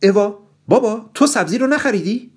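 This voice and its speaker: A man voicing a dreamy, touchy young bride who turns shrill and speaks in a drawn-out, polite way. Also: expressive.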